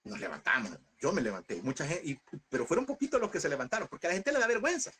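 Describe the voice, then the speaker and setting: Earnest high-voiced man. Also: very animated, racing, sharp tone, a little hiss or hum. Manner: earnest, addresses listeners as brother. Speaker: Bible seminary teacher. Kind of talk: teaching with a personal testimony.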